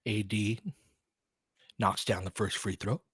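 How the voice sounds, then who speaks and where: A male basketball caller cheers openly for his team in clipped, fragmentary live play-by-play, with a dry sound and no echo. His lowish voice is flat, slow, a bit bright and slightly rough.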